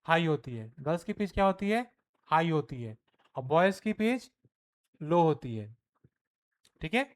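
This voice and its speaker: A man's voice: on the high side, measured pace. Hindi-speaking male teacher, question-and-answer lecture. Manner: lively, mixes Hindi and English, asks and answers his own questions. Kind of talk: classroom lecture.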